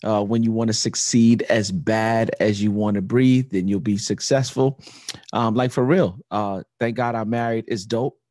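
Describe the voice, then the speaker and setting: A man co-hosting a podcast in casual chat, relaxed and slangy, often dropping "you know what I'm saying.". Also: lowish voice, normal speed, dry recording, clean studio sound. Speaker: podcast co-host.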